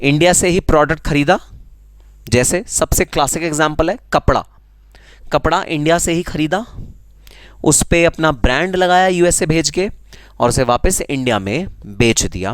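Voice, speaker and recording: A man's voice: on the high side, unhurried, no room sound. A man with an Indian accent teaching a live online tax class, teasing students and answering their comments in a conversational way. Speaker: GST teacher.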